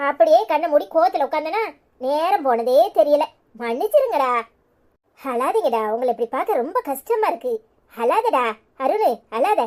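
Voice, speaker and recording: A woman playing a remorseful cartoon mother with a high, soft voice who pleads gently. She speaks with a Tirunelveli Tamil accent. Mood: soothing. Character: remorseful mother of two boys. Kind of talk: cartoon voice acting.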